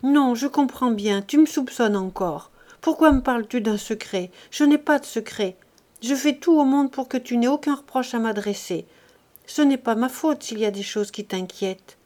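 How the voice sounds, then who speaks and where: A woman's voice: fairly high pitch, moderate pace, warm tone, close to an everyday voice. A woman reading an audiobook, voicing an anxious young woman who pleads near tears. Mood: pleading tearful.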